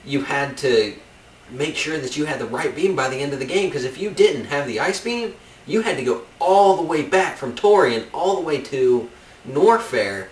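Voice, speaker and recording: A man's voice: on the high side, expressive, normal speed. A man chatting casually about video games in a skit, griping in slangy, exasperated fashion. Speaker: guest gamer in a comedy review skit. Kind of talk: casual gamer chat in a skit. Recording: distant mic, echoey room, faint noise.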